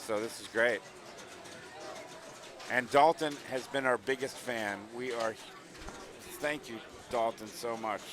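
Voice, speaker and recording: Speaking slowly in a mid-range voice and pausing often, this Long Island, New York stream host keeps things cheerful and conversational while reading out chat messages and ads. He's middle-aged, broadcasting from a tournament hall with crowd noise in the background.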